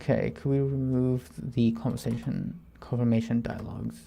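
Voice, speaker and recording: A man in his thirties from Thailand streams his coding, delivering flatly in a middle pitch with vocal fry, over a little hiss or hum. He mumbles half to himself while thinking aloud and reading plan text, stumbling and restarting when nervous, with soft asides.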